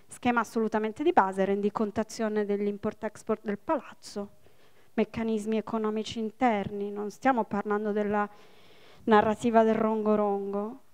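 A woman in her forties, a linguist giving a public lecture, explaining step by step with quick asides to the audience. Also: on the high side, darkish tone, smooth. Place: public library event hall.

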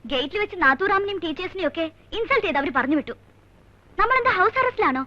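An actress playing a young, indignant drama student who is a judge's daughter. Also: female voice, very high-pitched, animated, rapid-fire, pushed and bright, dry recording, full character voice. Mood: upset. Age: young adult. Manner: indignant, defiant. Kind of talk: 1990s film dialogue. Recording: dull lo-fi film soundtrack with faint score.

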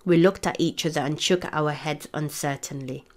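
Woman teacher, reading a novel aloud, low voice, steady storybook pace. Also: moderate pace. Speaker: English teacher.

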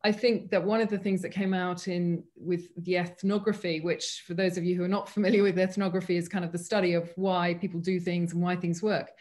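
A woman's voice: lowish voice, flat delivery, brisk, hardly any pauses, a little mellow. A woman speaking earnestly as a panelist in a medical webinar over a video call. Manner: thoughtful, earnest, frequent restarts.

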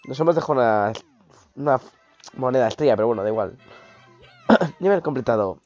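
A man, hoarse from a cold, giving excitable live gameplay commentary, swearing and yelping at mishaps. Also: medium pitch, brisk. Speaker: streamer. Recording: dull lo-fi stream audio with game music.

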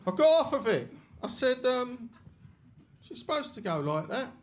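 A middle-aged man with a London accent doing a deadpan, self-deprecating stand-up set on a club stage, speaking into a handheld mic. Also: very high-pitched, slight background noise. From England. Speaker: stand-up comedian. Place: comedy club stage with a live audience. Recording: loud audience laughter in a club.

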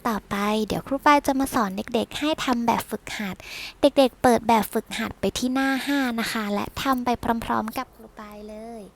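A woman teacher giving a patient lesson to young children, sounding out each vowel slowly and repeating it. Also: a little high, gravelly.

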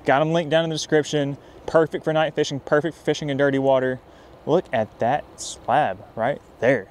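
Excitable young man fishing at night. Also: on the high side, moderate pace, a little hiss or hum. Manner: excitable, whoops and hollers when fish bite. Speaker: fishing vlogger. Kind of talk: casual outdoor vlog narration. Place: riverbank near a dam at night, outdoors.

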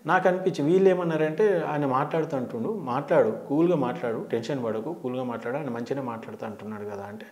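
A man's voice: mid-range voice, fast talker, few pauses, darkish tone. A man with a Telangana Telugu accent recounting a heated incident in an interview, acting out the quoted exchanges. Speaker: journalist interviewee. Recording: roomy echo.

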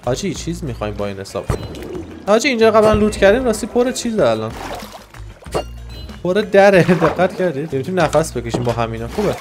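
A man giving excitable, joking commentary over a game, shouting and trash-talking the monsters. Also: a little high, over music. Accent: Iranian Persian. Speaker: gaming YouTuber. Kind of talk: Minecraft let's-play commentary.

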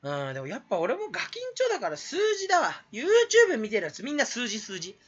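Male YouTuber, rambling self-mocking rant, high and very animated, quick talker, bright tone, lo-fi recording. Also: slightly rough. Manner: rambling, self-mocking, bursts into shrill imitated laughs. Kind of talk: casual solo rant to camera.

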